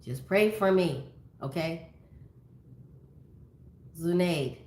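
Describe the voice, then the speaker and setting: A woman in her fifties hosts a casual phone livestream, greeting viewers one by one as she reads their comments and drifting into stories. She is animated and draws out her words. Her voice is fairly low and a little mellow, with a clear echo from the room.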